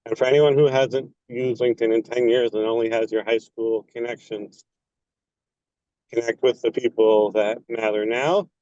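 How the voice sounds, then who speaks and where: A man's voice: mid-range voice, fairly even intonation, moderate pace, mellow, no echo. A man casually introducing himself and sharing tips with a group on a call. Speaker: meeting participant, pavement broker. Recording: dull lo-fi call audio.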